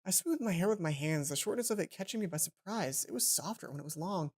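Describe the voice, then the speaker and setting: Speaking fast and animatedly, a woman whose voice is on the low side, slightly mellow and a bit breathy, narrates a visual novel in a let's play. Game music plays underneath as she acts out lines with drama, stumbles, and casually remarks on her own errors.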